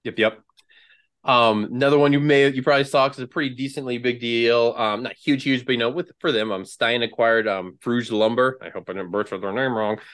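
Bright-voiced man, chatty and rambling. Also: medium pitch, fairly even intonation, a little fast. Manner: chatty and rambling, many fillers and restarts. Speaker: trade news guest. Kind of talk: casual podcast chat.

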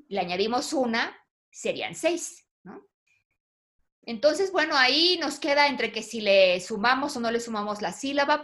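A woman's voice: on the high side, fairly bright tone. A woman teaching a poetry class online, patiently quizzing her students. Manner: patient, asks the class questions.

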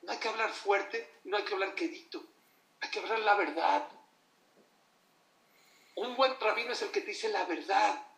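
High-pitched rabbi preaching, loud bursts then low asides, echoey hall. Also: male voice, moderate pace, gravelly, long pauses, slight background noise. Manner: emphatic, swings between loud outbursts and low asides. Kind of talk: sermon. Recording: roomy, from a distance.

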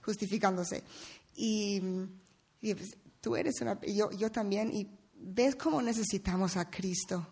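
A mother telling a family story on a panel, halting often and adding little tag questions. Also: medium pitch, darkish tone, slightly rough. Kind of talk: personal testimony.

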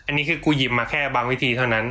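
A man's voice: mid-range voice, fairly even intonation, very fast, bright, forceful tone. A young man co-hosting a casual podcast, joking and using crude slang as he tells a story. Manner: crude slang, joking, laughs while telling. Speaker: podcast co-host. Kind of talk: casual chat.

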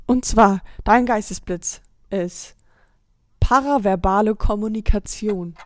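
A woman's voice: mid-range voice, slow, no echo, studio quality. A young woman co-hosting a casual podcast, explaining a term with short answers and self-corrections. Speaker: podcast co-host. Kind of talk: casual chat.

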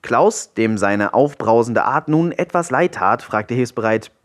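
A man's voice: mid-range voice, expressive, a little slow. A man narrating a children's storybook aloud, playful and with wry asides.

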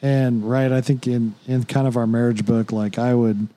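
Mellow-voiced man in casual faith talk. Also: mid-range voice, little pitch movement, moderate pace. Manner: conversational, many fillers and "you know".

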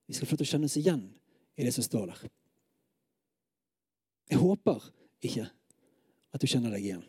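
Dark-voiced preacher reading scripture dramatically. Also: mid-range voice, slightly rough, no room sound, clean studio sound. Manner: reads scripture dramatically, at times loud and pleading; talks directly to the listeners, halting with fillers. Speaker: preacher at a worship gathering.

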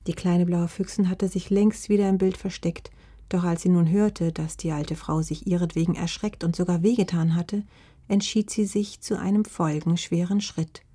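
A woman narrating a children's story in a gentle, measured way. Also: fairly low pitch, steady tone, husky.

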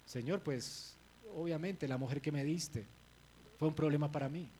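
A preacher acting out the biblical first man, who dodges the blame in a low, subdued voice. He sounds sheepish and gives his excuses quietly. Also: normal speed, a little hiss or hum, natural voice.

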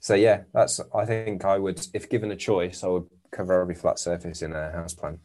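A man with a very low voice talks easily in a podcast conversation. He gives relaxed, matter-of-fact advice and keeps his answers short. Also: fairly quick. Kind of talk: casual chat.

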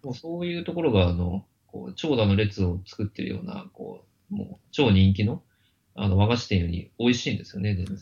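A man's voice: lowish voice, lively intonation, mellow, muffled recording. A middle-aged man speaking politely and steadily as a guest, with frequent fillers. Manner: polite, measured, many fillers. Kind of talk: casual conversational interview. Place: Kyoto.

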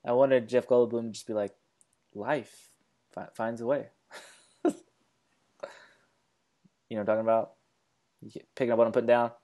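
A man's voice: mid-range voice, level tone, a little fast, long pauses, warm tone. Joking man co-hosting a movie podcast. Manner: joking, teasing, rambling with restarts. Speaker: podcast co-host. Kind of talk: casual movie-review podcast chat.

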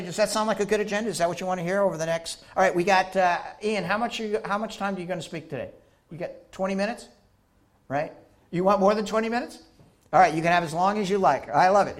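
A man gives a lively talk at a conference, his voice sitting a touch high. He jokes with the crowd and keeps checking in with the audience as he goes. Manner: animated, keeps asking the audience "right?"; jokey, banters with the crowd. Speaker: conference speaker.

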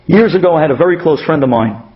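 A Brooklyn, New York man with a slightly high voice and lively intonation delivers a religious sermon at a quick pace, weaving in stories. He speaks emphatically and repeats key phrases, and the lo-fi audio sounds dull and muffled.

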